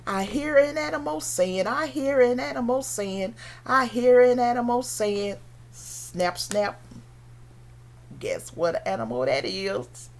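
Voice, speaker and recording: A woman teaching young children in a slow, sing-song way, with playful animal sounds. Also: a little high, expressive, slight background noise. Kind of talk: singalong children's lesson.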